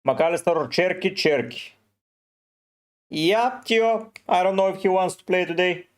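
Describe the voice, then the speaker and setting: A man from Bulgaria with a Bulgarian accent, live streaming and slowly answering viewers' questions one by one. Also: high voice. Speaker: fantasy football streamer. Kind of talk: live stream chat, reading comments.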